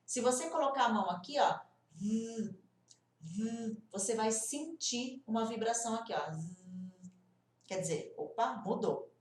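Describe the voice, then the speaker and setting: A woman, a native Portuguese speaker, teaching English pronunciation and demonstrating each sound slowly. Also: fairly high pitch, lively intonation, reverberant, recorded from a distance. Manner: demonstrative, drawn-out sound examples. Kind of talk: pronunciation lesson.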